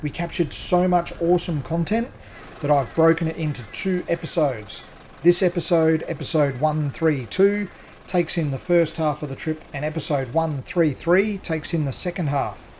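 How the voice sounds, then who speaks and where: A man narrating a scripted voice-over introduction in an upbeat, steady presenting manner. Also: fairly high pitch, normal speed, slight background noise. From Australia. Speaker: fishing channel host.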